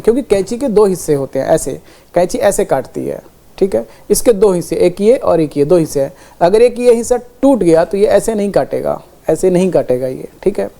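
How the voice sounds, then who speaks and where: A woman teaches English grammar, her voice mellow and warm at a middle pitch. She leans on everyday examples, keeps checking in with her students, and slows right down when she spells out English sentences. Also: creaky. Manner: explains with everyday examples, repeats "ठीक है" often. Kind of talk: classroom grammar lesson.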